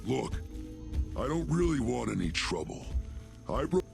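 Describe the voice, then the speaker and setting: An actor playing a gravelly super mutant hermit who trains dogs, gruff, wary but civil, in a video game. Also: male voice, medium pitch, sing-song, measured pace, full character voice. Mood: wary, apologetic. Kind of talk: video game character dialogue. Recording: game audio with loud music behind. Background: music.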